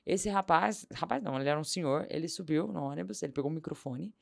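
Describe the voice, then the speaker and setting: A woman's voice: low-pitched, fast talker, creaky. A woman, a podcast guest telling a story and acting out the lines of the people in it. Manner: animated anecdote-telling, acting out quoted dialogue. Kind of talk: storytelling in casual interview.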